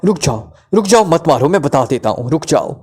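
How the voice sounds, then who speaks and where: A man's voice: mid-range voice, lively intonation, moderate pace, mellow, lightly acted. A man voices a terrified male club owner who stammers and trembles under interrogation, then talks on and on. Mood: screaming.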